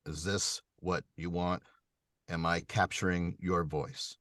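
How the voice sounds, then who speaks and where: A man who narrates audiobooks answers questions on a video call. He explains things in a measured way with frequent ums. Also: deep voice, fairly even intonation, a bit bright, no room sound, clean studio sound.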